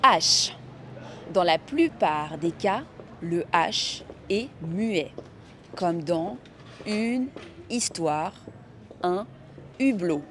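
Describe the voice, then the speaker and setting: A woman teaching pronunciation in a scripted lesson, enunciating each word clearly. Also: fairly low pitch, lively intonation, extremely slow, pauses often, a bit bright, a little hiss or hum. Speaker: French teacher.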